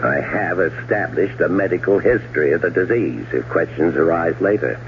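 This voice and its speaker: In a 1970s radio drama, a male actor with a low voice plays a cold-blooded, middle-aged older brother scheming to murder his wife, delivering dialogue and first-person narration. He sounds suave, sardonic, deliberate, smooth, and calculating, on a dull, noisy old broadcast recording.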